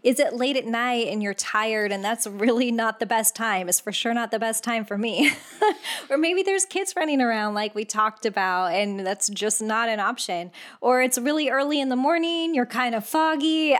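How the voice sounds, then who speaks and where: A woman's voice: on the high side, moderate pace, a bit bright. A woman co-hosting a casual podcast with her husband, easygoing and self-deprecating, often laughing. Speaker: podcast co-host.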